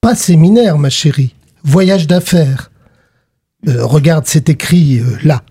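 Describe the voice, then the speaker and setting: A woman voicing a tall middle-aged husband, offhand and fussy, who talks haltingly with fillers. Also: sits low, dark tone, breathy edge, voice pushed down, heavily acted.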